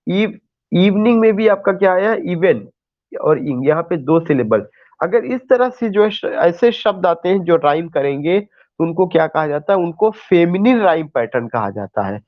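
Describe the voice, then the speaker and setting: A man's voice: sits high, narrow, tinny audio. A male teacher giving an online class lecture, explaining step by step with rhetorical questions and mixing in English terms.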